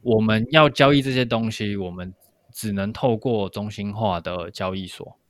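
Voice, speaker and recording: A man's voice: on the low side, moderate pace, dry recording. A man co-hosting a podcast, explaining things step by step in casual discussion. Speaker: podcast co-host.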